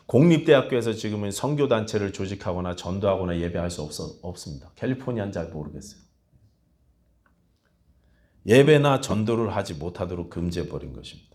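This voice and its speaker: A male pastor preaching a sermon in a conversational way, moving between loud emphasis and quiet asides. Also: low-pitched.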